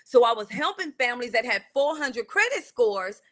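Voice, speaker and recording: A woman speaks as an interview guest, her voice bright and pitched a little high. She talks earnestly and often circles back to repeat a point. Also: big pitch swings, normal speed. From San Antonio, Texas. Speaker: guest, real estate broker. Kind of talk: interview, personal story.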